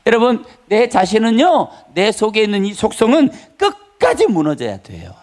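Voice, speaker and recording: A man's voice: high-pitched, wildly swooping pitch, normal speed, darkish tone. A male pastor preaching an emphatic Sunday sermon in a church, repeating key phrases and calling for the congregation's response. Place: church sanctuary.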